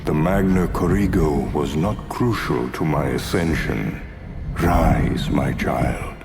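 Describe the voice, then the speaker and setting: An actor playing an ancient, sinister demon master in a video game, menacing, grandiose and coldly commanding. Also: male voice, creaky, over music, heavily acted. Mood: calm menace. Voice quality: very deep, menacing. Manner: slow, grandiose, archaic phrasing. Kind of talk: video game villain acting.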